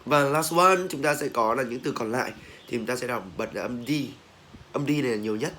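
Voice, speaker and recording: A young man with a Vietnamese accent who teaches English pronunciation, repeating each word slowly for learners to copy. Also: mid-range voice, bright, forceful tone, a little hiss or hum. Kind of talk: recorded pronunciation lesson.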